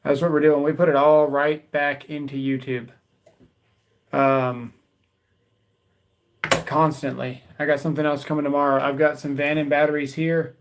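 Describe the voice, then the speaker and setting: A YouTube tool channel host with a high-leaning, level voice speaks at normal speed but pauses often, and the recording is rough. Hosting a live tool video, he rambles casually, repeats his words and calls viewers "guys" and "dude."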